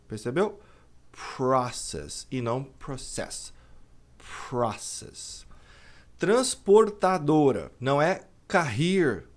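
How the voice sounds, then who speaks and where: A man with a Brazilian accent teaches English pronunciation, slowing down and stretching words to model each sound. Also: a little high. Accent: Brazilian Portuguese. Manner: explains slowly, drawing out words to model pronunciation. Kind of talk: pronunciation lesson.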